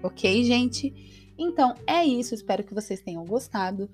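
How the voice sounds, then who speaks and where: A woman's voice: a little high, animated, moderate pace, darkish tone, soft background music. A Brazilian woman with a Brazilian Portuguese accent, hosting a casual English-lesson podcast, tossing in checks like "tá?" as she goes. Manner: chatty, peppers lines with "tá?" and "entendeu?". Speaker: English teacher, podcast host.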